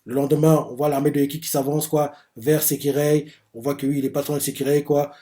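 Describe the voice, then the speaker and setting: A man's voice: a little high, little pitch movement, fast, warm tone. A man casually recapping a manga chapter, rambling and leaning heavily on filler words. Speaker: manga reviewer.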